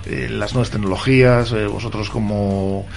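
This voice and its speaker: A man's voice: on the low side, steady tone, normal speed, vocal fry, a little mellow. A man hosting a radio interview, introducing guests with many hesitant fillers. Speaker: radio host.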